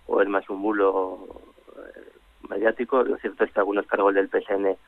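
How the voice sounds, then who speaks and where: A man's voice: on the low side, level tone, moderate pace, gravelly, no room sound, narrow, tinny audio. A man commenting on politics on a radio panel, rambling with frequent restarts and fillers.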